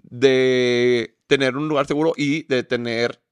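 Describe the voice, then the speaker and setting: A man's voice: medium pitch, steady tone, takes it slowly, clear, resonant tone, no room sound. A man with a Mexican accent hosting a podcast, talking in a supportive, colloquial way. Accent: Mexican Spanish. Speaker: podcast host. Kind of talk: casual chat.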